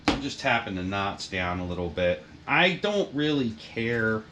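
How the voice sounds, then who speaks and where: Working in his home workshop, a hobbyist bookbinder vlogger offers casual how-to narration full of rambling, swearing and self-deprecating remarks. His fairly low voice has big pitch swings and a slightly slow pace. Wind noise from the blowing heater hits the mic, with a printer running behind.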